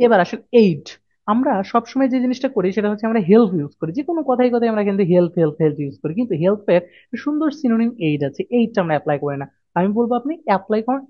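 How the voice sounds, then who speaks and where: Brief: male teacher, rapid delivery, repetitive, asks then answers his own questions; dull dry lo-fi sound. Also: sits high, no echo. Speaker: IELTS vocabulary teacher. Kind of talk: explaining a lesson to students.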